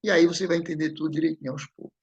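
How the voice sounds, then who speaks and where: A man's voice: fairly high pitch, steady tone, very fast, slightly rough, lo-fi sound. A man giving a spiritist lecture, telling a personal story in a conversational way and often checking in with the audience. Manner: conversational, repeats "né?" and addresses the audience.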